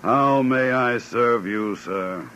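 An actor in an old radio play voicing a too-smooth, polite male robot servant who speaks in a measured, mechanical way. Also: medium pitch, a bit bright, faint music behind. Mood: calm. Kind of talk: 1950s radio drama acting. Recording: dull old radio broadcast.

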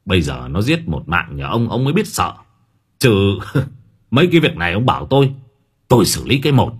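A man voicing a swaggering young hired thug who talks fast and mocking. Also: on the low side, very animated, breathy edge. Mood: cocky.

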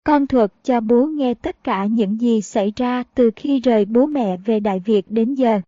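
A woman's voice: on the high side, unhurried, dark tone, no echo, muffled recording, natural voice. A woman reading a stern princely father. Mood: firm. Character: stern middle-aged prince, a firm father. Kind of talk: audiobook narration.

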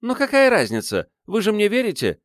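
A man's voice: sits high, wildly swooping pitch, a little fast, no room sound, clean studio sound, voice pushed up. A man doing a bossy armed young woman. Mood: insistent. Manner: barking orders. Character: commanding young woman with a rifle.

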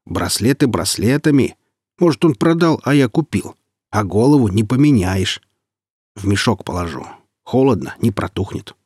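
A man reading the part of a boastful, grim northern warrior who speaks in an unhurried, mocking way. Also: fairly low pitch, expressive, darkish tone, breathy edge, dry recording, studio quality.

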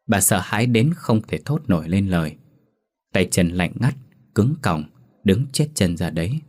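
Man, storyteller, very deep voice, horror tale read aloud, acts out each character. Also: darkish tone. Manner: plays all the characters himself. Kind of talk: scripted horror story narration.

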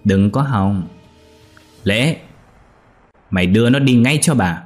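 A man doing a sneering shrill senior wife. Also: very animated, moderate pace, darkish tone, faint music behind. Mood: scornful. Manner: sneering and scolding. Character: spiteful shrill woman, senior wife of a rich house.

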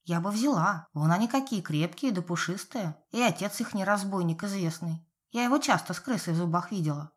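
A woman's voice: fairly low pitch, expressive, fairly quick, hardly any pauses, husky. A woman voicing an elderly village neighbour, blunt and nosy, in folksy rustic speech, in an audiobook. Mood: gossipy.

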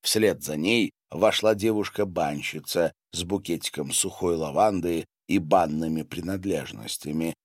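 A man narrating an audiobook in a measured storytelling manner, close to the mic. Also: sits low, no room sound. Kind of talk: scripted narration.

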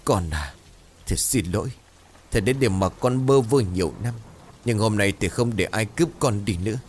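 A man's voice: on the low side, normal speed, a little mellow, a little hiss or hum, close to an everyday voice. A man voicing a desperate village father who growls threats while shielding his son. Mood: remorseful. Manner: growling, menacing.

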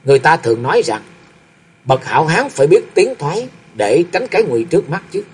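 A storyteller putting on a polite young swordsman who keeps asking careful questions. His husky voice rises in pitch and moves with lively swings, as in an audiobook of a martial arts tale. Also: fairly quick, full character voice. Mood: inquiring.

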